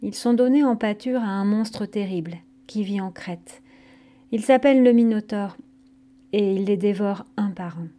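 A woman's voice: medium pitch, moderate pace, dark tone, close to an everyday voice. A woman reading aloud as an aging king who answers in a stammering, defensive way. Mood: hushed. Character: aging male king, evasive and troubled.

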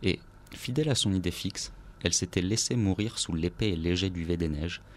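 A man narrating a literary story aloud in a grave, measured way. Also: low-pitched.

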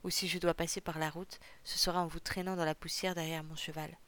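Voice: mid-range voice, flat delivery, a little fast, fairly bright tone, clean tone, close to an everyday voice. A storyteller voicing a hard, commanding young male heir in a read-aloud story. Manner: commanding, threatening.

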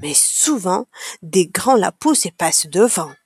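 A woman narrating a children's story aloud, slowly and expressively for small children. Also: fairly low pitch, sing-song, a little mellow, breathy edge, dry recording, studio quality.

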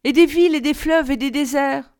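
A woman's voice: sits high, moderate pace, darkish tone, voice pushed up. A woman voicing a curious, earnest young boy prince in an audiobook reading, asking eager questions.

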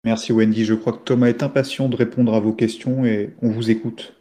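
A man's voice: fairly low pitch, little pitch movement, brisk, mellow. A man hosting a comedy show, upbeat as he links the segments. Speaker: host.

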